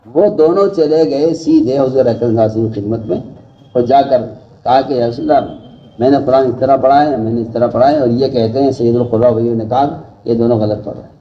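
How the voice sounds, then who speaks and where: Emphatic male preacher in a dull distant recording. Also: mid-range voice. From India. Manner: emphatic, repeats phrases, rises sharply for stress. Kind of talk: sermon. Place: large mosque hall.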